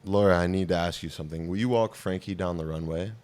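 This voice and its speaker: A man hosting a relaxed, joking chat and talking easily about cigars. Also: low voice, fast talker. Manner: laid-back, joking. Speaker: show host. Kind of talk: casual chat.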